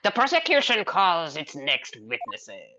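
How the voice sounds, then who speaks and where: A woman's voice: lowish voice, huge pitch swings, unhurried, highs cut off, background noise. A woman voicing a smug, scheming male prosecutor in a fan voiceover of a game, gloating and menacing. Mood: formal. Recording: game music behind. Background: game music.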